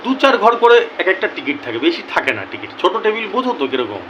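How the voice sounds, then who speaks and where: Young man, high bright voice, animated storyteller, faint background noise. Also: fast, dull audio. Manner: animated, acts out both sides of a conversation. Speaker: lottery tips YouTuber. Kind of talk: casual storytelling to viewers.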